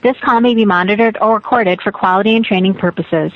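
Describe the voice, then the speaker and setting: A woman's voice: mid-range voice, fast talker. A woman's polite, formal recorded phone greeting, played back over a phone line as an automated message. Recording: muffled, faint noise, over a phone line.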